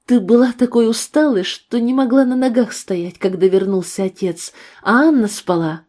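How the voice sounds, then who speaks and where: A woman's voice: a little high, moderate pace, darkish tone, voice pushed up, lightly acted. A woman reading the part of a skeptical younger brother in a storybook reading.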